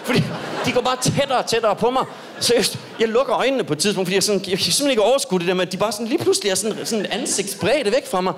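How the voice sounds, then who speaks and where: A young man doing a stand-up comedy set on stage, telling a story with animated delivery and sudden high yelps. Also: few pauses, a faint crowd.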